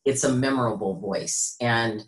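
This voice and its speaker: The echoey, roomy audio of a video call carries a rich, deep, low voice belonging to a middle-aged American woman. She's a business consultant appearing as a guest, explaining her work in a measured, conversational way. She's recording on a computer mic in a small indoor room at home or an office.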